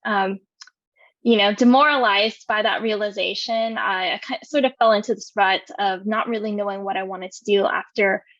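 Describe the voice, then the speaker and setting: This woman speaks at normal speed in a steady, fairly bright, medium-pitched voice, captured over muffled video call audio with no room sound. In her twenties and from California, she's a veteran sharing her life story in an oral history interview, stumbling through fillers and restarts.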